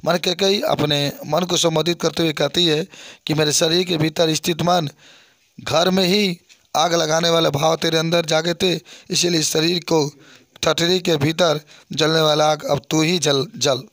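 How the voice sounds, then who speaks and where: A male teacher with a somewhat high, gravelly voice reads verses of a poem aloud and explains them line by line. He repeats phrases and keeps asking his listeners whether they understand. The sound is dry and close. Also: fairly even intonation, unhurried, fairly bright tone, no room sound. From India. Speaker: Hindi literature teacher.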